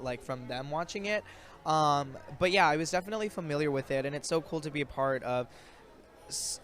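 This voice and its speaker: A man's voice: on the high side, a bit bright. Chatty young man, rambling casual answers. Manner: loose and rambling, with frequent ums and likes. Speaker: actor guest. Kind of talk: casual interview chat. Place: outdoors in a built-up area.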